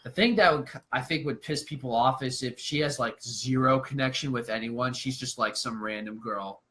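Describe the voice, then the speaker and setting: A man's voice: mid-range voice, moderate pace, pushed and bright. A young man co-hosting a casual podcast chat, laid-back and rambling. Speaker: podcast co-host.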